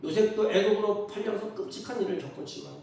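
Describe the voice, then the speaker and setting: A man's voice: sits high, quick pace, gravelly, darkish tone, slight background noise. A male pastor preaching a sermon, emphatic, often putting questions to his congregation. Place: church sanctuary. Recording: echoey hall from far off.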